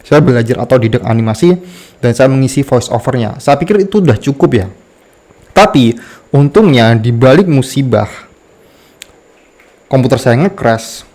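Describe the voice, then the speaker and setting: A man's voice: mid-range voice, darkish tone. A man with a slight lisp on his r, candidly telling a self-deprecating personal story to camera as a content creator.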